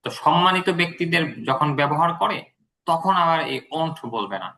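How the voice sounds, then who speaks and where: A man's voice: a little high, lively intonation, a little fast, pushed and bright. A man from Bangladesh tutoring English pronunciation, explaining patiently with many fillers.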